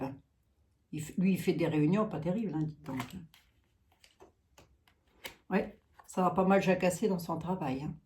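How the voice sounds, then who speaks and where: Mellow-voiced woman with a Lorraine accent. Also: lowish voice. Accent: Lorraine French. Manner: muses aloud, trailing asides, frequent tags. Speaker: tarot card reader. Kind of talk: live tarot reading.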